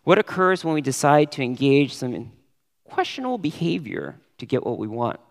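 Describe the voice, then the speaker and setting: A man preaching a sermon as pastor, stressing key words with sudden rises in pitch. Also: sing-song, moderate pace, creaky, long reverb tail.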